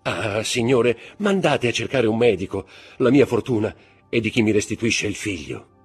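A man's voice: mid-range voice, sing-song, moderate pace, husky, soft background music, voice pushed up. A man voicing a frantic noble Parisian mother, pleading and crying out, in an audiobook reading. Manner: pleading, breathless, cries out.

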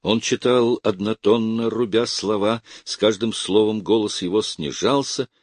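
A man reads a literary story slowly and expressively. His voice is deep and husky, with lively movement in pitch. The recording is close and dry. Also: dry recording. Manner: unhurried, expressive reading. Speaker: narrator. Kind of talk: literary audiobook reading.

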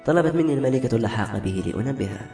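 A man's voice: mid-range voice, animated, rapid-fire, creaky. A man voicing a worried young girl lost in a cold forest who talks in an earnest, pleading way. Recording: roomy echo with soft music.

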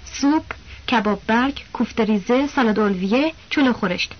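A curt, formal male waiter in an audiobook, voiced by a high-pitched woman narrator. He speaks briskly and politely but coldly. The recording sounds dull and lo-fi. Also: breathy edge. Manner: curt, formal, then scolding. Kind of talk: audiobook character voice.

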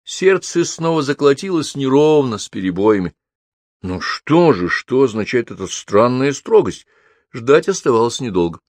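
A man narrating a first-person story as an audiobook reader, in a lively, expressive reading. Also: normal speed, no room sound. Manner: lively, expressive reading with wide pitch swings.

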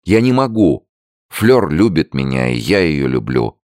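A man's voice: extremely low pitch, sing-song, unhurried, a little mellow, dry recording, studio quality, voice pushed up, full character voice. A man voicing an anguished young man pleading with his father in an audiobook. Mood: insistent. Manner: pleading, emotional.

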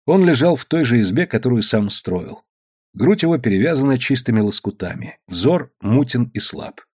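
A man narrating an audiobook with measured storytelling. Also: mid-range voice, expressive, a little mellow, breathy edge. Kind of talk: audiobook reading.

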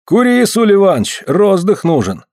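A man's voice: high voice, huge pitch swings, darkish tone, no echo, studio quality, pitched above the performer's own voice, full character voice. A man reading a story aloud, voicing a sly joking working man who teases and orders the others about. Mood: teasing. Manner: brisk, bossy, teasing.

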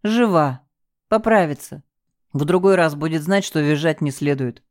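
Brief: indifferent brute, drawling and dismissive, put on by a woman narrator, dark tone. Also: low-pitched, moderate pace, no echo, clean studio sound. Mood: callous. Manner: lazy, flat, dismissive. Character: callous lazy thug, coldly indifferent man.

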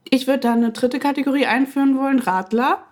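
A woman's voice: sits high, a little fast. A young woman in her twenties co-hosting a podcast, talking casually and laughing often. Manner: lively, laughs often, colloquial. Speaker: podcast co-host. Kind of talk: casual chat.

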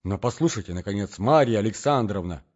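A man voicing a hot-tempered jilted young gentleman in an audiobook, shouting indignant outbursts. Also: fairly low pitch, lively intonation, fairly quick. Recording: dull lo-fi audiobook recording.

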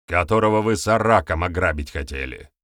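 A man voicing a calm, cold-blooded male village chief with a mocking, unhurried manner. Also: deep voice, no echo, studio quality.

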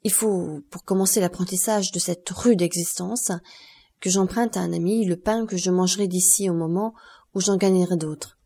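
A woman's voice: on the low side, normal speed, dark tone, husky. A woman reading the part of an earnest young nobleman of twenty-two, speaking with firm, emotional resolve. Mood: resolute.

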